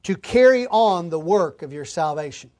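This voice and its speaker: A man's voice: high voice, expressive, moderate pace, darkish tone. A man preaching an expository sermon, reading scripture aloud and then explaining it plainly to his listeners, whom he calls folks.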